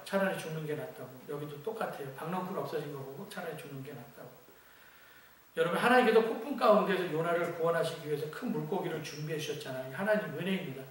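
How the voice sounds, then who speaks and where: A man's voice: a little high, fairly bright tone. A male pastor preaching a midweek sermon in a conversational style, asking many rhetorical questions. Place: church sanctuary. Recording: very echoey church hall, distant mic.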